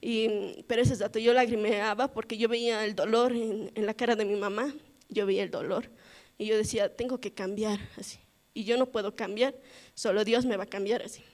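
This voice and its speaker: A woman's voice: mid-range voice, fairly even intonation, fairly quick, a little mellow. A young woman gives a personal testimony at a church service, telling her story casually and acting out the dialogue she quotes. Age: 20s. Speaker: church member giving testimony.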